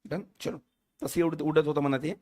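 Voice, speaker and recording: A man's voice: fairly high pitch, fairly even intonation, brisk, darkish tone. A male teacher giving a lecture for competitive exams, firing questions at his students and mixing English terms into his talk.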